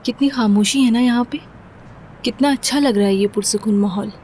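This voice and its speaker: A woman playing a mellow, dreamy young woman. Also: fairly high pitch, fairly quick, slight background noise, natural voice. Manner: soft, dreamy. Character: romantic young woman doctor, wistful. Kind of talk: dubbed TV drama acting.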